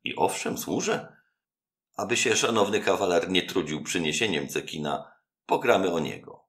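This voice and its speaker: A man's voice: low-pitched, lively intonation, moderate pace, a bit bright, voice pushed up. A man voicing a bald, hot-tempered older Italian innkeeper who blusters in comic fury. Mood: mocking.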